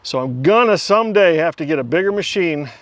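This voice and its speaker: A man in his fifties hosts a casual vlog to camera, rambling and talking to himself as he works outdoors. His voice is a little high, with lively intonation and a brisk pace, and there's no echo.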